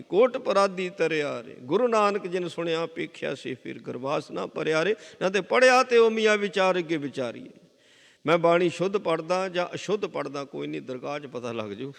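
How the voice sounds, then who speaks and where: A man's voice: high-pitched, gravelly, a bit bright. A man with a Punjabi accent giving a Sikh scripture sermon, explaining verses with repeated phrases and chanted quotations. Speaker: Sikh preacher giving katha. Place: gurdwara hall. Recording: long hall reverb.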